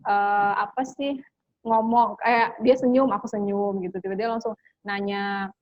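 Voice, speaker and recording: A woman's voice: mid-range voice, fairly even intonation, normal speed, no room sound. A young woman from Indonesia telling her story as an interview guest, chatty, with lots of fillers and English phrases mixed in. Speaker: interview guest, scholarship graduate. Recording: dull lo-fi dry recording.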